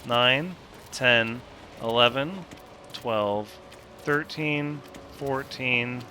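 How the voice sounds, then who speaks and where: Bright-voiced man musing over a building game. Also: mid-range voice, drawn-out words, a little hiss or hum. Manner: thinks aloud, counts, jokes with himself. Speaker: gameplay commentator. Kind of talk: casual gameplay commentary.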